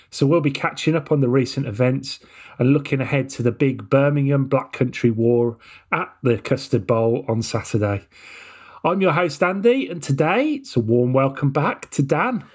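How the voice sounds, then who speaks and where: A man's voice: mid-range voice, a little mellow. A man hosting a football podcast in a casual, conversational style. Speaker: podcast host.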